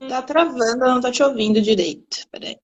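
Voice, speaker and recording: A woman's voice: fairly high pitch, fast talker. A woman guest chatting casually over a video call whose audio keeps breaking up. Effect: choppy video-call audio breaking up. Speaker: patient guest. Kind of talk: casual chat. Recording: dull lo-fi call line.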